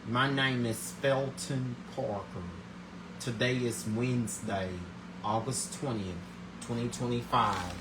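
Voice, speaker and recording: A man's voice: medium pitch, steady tone, slow, noisy background. A man hosting his own daily video show, upbeat and religious, who reads a scripted segment and often stumbles and restarts his words.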